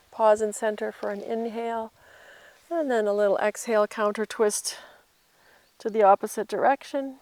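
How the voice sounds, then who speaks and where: A woman yoga instructor gently talking a class through poses as she does them herself. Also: fairly high pitch. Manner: gentle cueing while demonstrating the poses herself.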